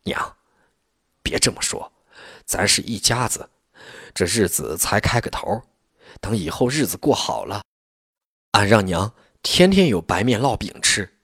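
A man doing a warm earnest young cadre. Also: lowish voice, sing-song, unhurried, long pauses, husky, no room sound, studio quality, full character voice. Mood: reassuring.

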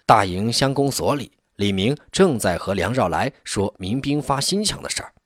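A man narrating an audiobook novel in an expressive storytelling way. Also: mid-range voice, moderate pace, no room sound, studio quality.

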